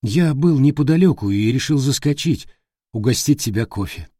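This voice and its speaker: A man's voice: mid-range voice, lively intonation, moderate pace, mellow, dry recording, clean studio sound, close to an everyday voice. A man voicing a jumpy, pragmatic young man in an audiobook. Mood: grumbling. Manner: nervous, defensive. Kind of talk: audiobook character voice.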